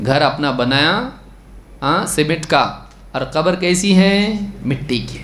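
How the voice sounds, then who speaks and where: Male religious teacher, slightly high voice, echoey room; recites and explains, questions the listeners, stern, pleading exhortation. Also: expressive, a bit bright, a little hiss or hum. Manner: recites Arabic text, then explains it; asks the listeners questions, then answers them. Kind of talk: religious lesson on prayer.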